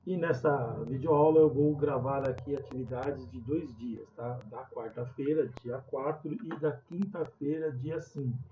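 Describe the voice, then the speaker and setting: A man, recording a video lesson and patiently explaining classroom tasks step by step. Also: medium pitch. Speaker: teacher. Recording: echoey room, muffled sound, faint hiss.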